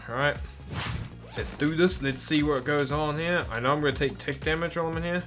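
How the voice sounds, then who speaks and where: A man giving excitable gameplay commentary as a hyped gamer bro, exclaiming in slang. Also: medium pitch. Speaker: gaming video host. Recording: music behind the voice. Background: music.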